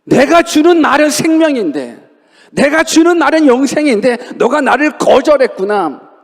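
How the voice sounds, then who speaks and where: A man's voice: very high voice, big pitch swings, moderate pace, pitched above the performer's own voice, full character voice. A man voicing a grieving God in a church with long reverb. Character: grieving God lamenting to disobedient humans.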